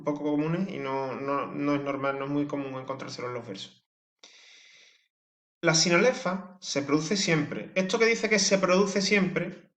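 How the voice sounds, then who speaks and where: A male teacher giving a lesson, explaining step by step, counting syllables out slowly and checking in with his listeners. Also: a little high, a bit bright, reverberant. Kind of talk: classroom lesson.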